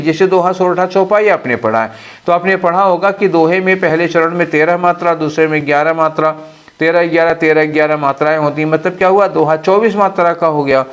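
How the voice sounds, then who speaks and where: A man teaching English for an exam, explaining in a mix of Hindi and English and asking and answering his own questions. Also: on the high side. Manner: slows way down to read out English phrases. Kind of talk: exam-prep lesson.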